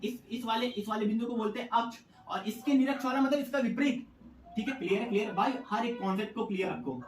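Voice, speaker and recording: Jokey young teacher in an echoey room. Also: male voice, extremely high pitch, fast, far from the mic, a little hiss or hum. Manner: jokey, dramatic, switches into student voices. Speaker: physics teacher. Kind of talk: playful classroom explanation. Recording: echoey room, away from the mic. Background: a dog barking.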